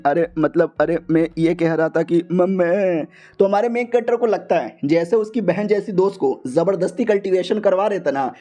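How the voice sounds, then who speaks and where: Playful high-voiced male story narrator. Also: warm tone. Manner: playful, slangy, switches pitch for female characters. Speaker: manhua recap narrator. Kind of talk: casual storytelling recap, voicing all characters.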